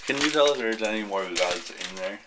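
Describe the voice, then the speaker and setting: A man's voice: on the low side, lively intonation, fairly quick. A man in his twenties chatting casually on a vlog, his mouth numb from the dentist and his words slurred and mumbled. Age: 20s. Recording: noisy handheld camera, car and room.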